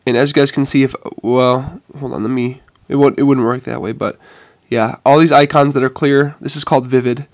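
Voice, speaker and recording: A man's voice: mid-range voice, steady tone, a little fast, hardly any pauses, no room sound, clean studio sound. A man sick with a head cold and a stuffy nose, giving a casual, hesitant tech tutorial to viewers. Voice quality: congested, stuffy-nosed. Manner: hesitant, informal, addresses viewers as "guys". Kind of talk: casual phone demonstration.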